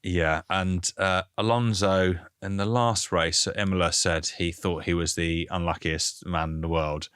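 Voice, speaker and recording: A man co-hosting a casual podcast chat, easygoing and quick to agree. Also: low-pitched, fairly even intonation, fairly bright tone, smooth, dry recording, studio quality. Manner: easygoing with short agreeing replies. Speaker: podcast co-host.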